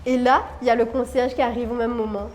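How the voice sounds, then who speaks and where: A woman from Réunion, a guest, telling a personal story in an expressive, dramatic way. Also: a little high, fast, slight background noise. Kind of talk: animated storytelling. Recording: roomy room with faint music.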